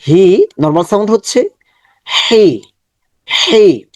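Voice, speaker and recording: A man with a Bangladeshi Bengali accent teaching Quran letter pronunciation, slowly repeating each sound as an online lesson. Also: sits high, expressive, a little mellow, no room sound. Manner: slow, drawn-out repetition of letter sounds. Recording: dull, dry lo-fi recording.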